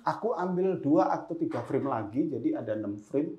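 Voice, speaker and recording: Male guest, vivid storyteller, middle pitch, roomy podcast sound. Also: lively intonation, normal speed, dark tone, muffled recording. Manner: vivid storyteller, acts out his own past words. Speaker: photojournalist guest. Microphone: podcast microphone. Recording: roomy echo.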